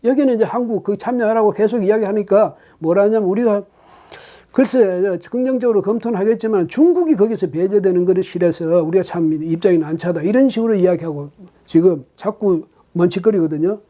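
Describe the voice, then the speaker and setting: Guy doing solo political commentary on his channel, super dark mellow tone, keeps asking rhetorical questions, lots of uh fillers. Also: sits high, fairly quick. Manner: emphatic, with frequent rhetorical questions and hesitant fillers.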